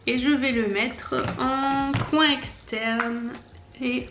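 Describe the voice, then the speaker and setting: A woman's voice: high voice, steady tone, drawn-out words. Chatty young woman, echoey room. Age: 20s. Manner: chatty, explains each step as she goes. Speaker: makeup vlogger. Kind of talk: casual makeup tutorial. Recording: echoey room, faint background music.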